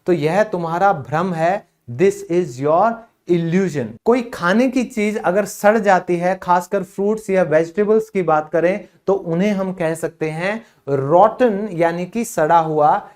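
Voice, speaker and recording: A man with a high, slightly mellow voice teaches English vocabulary in a relaxed, chatty manner. He addresses viewers like friends and says each example sentence slowly and carefully.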